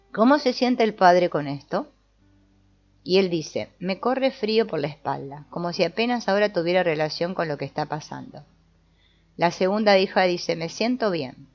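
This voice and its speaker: A woman giving a calm, measured scripted narration. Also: fairly low pitch. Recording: dull lo-fi voice-over with soft guitar music.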